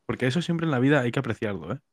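A man's voice: mid-range voice, animated, rapid-fire, dry recording. A man from co-hosting a casual comedic podcast, making wry, ironic asides. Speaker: podcast co-host.

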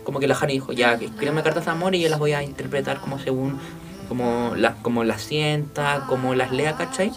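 A man with a Chilean accent, chatting as podcast co-host and telling a story in a slangy, animated way. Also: mid-range voice, brisk, over music. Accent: Chilean Spanish. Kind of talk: casual chat, storytelling.

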